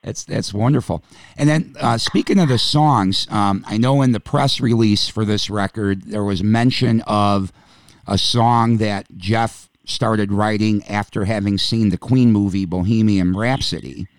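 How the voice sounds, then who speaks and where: A man's voice: fairly low pitch, unhurried, no echo. A man interviewing a guest, enthusiastic and complimentary in a casual chat. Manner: enthusiastic, complimentary, chuckles often.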